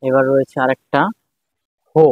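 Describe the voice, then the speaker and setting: A man's voice: medium pitch, flat delivery, moderate pace, dry recording. Man teaching Japanese letters over a tinny line. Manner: patient, repeats each syllable several times. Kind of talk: step-by-step writing lesson. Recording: dry, phone-like tinny sound.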